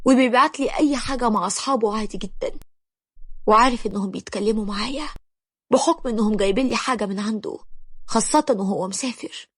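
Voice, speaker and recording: A woman's voice: on the high side, fast talker, husky, dry recording, studio quality. A young Egyptian woman narrating her own story in the first person, confiding and emotional. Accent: Egyptian Arabic.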